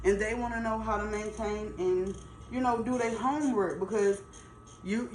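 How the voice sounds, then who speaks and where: A middle-aged woman speaks in with an average pitch. She chats casually and emphatically, like a folksy stylist giving advice, circling back to stress her points. The room echoes around her voice, with faint noise behind it. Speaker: natural hair stylist. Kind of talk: casual chatty advice to camera. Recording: roomy echo, faint background noise.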